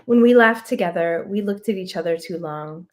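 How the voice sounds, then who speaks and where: A woman with a lowish voice shares her own literary writing on a video call, reading it at a relaxed pace. Her tone stays quiet, and she slips in informal side comments along the way.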